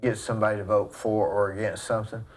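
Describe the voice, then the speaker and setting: Man, halting casual interviewer. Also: lowish voice, level tone, darkish tone. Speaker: interviewer, host.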